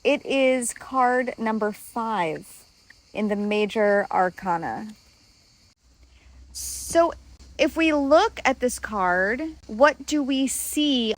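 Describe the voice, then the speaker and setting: High-voiced woman guiding a kids' lesson. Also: animated, very slow, poor audio. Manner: patient, asks children simple questions. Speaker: host. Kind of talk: kid-friendly tarot lesson.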